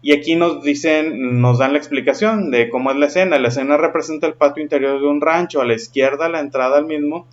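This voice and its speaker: A man's voice: fairly high pitch, brisk, hardly any pauses. A man teaching a lesson patiently and often checking in with his listeners, in a slightly dull recording. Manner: patient, checks in with frequent questions. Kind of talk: explaining a lesson.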